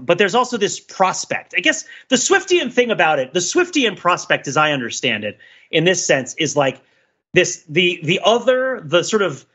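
The audio has its highs cut off, leaving a fairly high male voice with a breathy edge. As co-host of a casual pop culture podcast, he rambles through lively stories, searching for the right words and regularly checking in with the listener.

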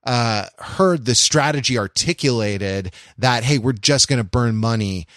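Speaking a little slowly in a medium-pitched, somewhat bright voice, this podcast co-host offers loose conversational commentary on culture. He meanders with fillers, restarts, and jokes, and the studio sound is clean and echo-free.

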